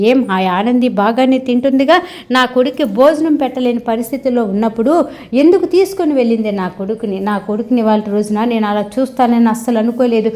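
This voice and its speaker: A woman's voice: fairly high pitch, warm tone, close to an everyday voice. A woman voicing an angry, grieving rich mother who scolds in a raised, agitated voice. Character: angry grieving wealthy mother, bitter and vengeful.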